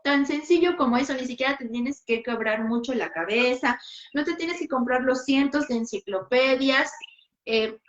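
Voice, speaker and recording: Brief: high-pitched woman host, direct parenting advice, dull lo-fi audio. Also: normal speed. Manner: direct, animated, playfully acts out scenes. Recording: dull lo-fi sound.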